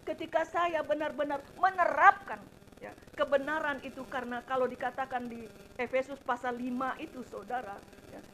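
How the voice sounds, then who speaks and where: A middle-aged woman evangelist preaches an impassioned sermon straight to her congregation, swinging between loud emphasis and quiet asides. Her voice is high-pitched at a normal speed, and the recording is rough with slight background noise.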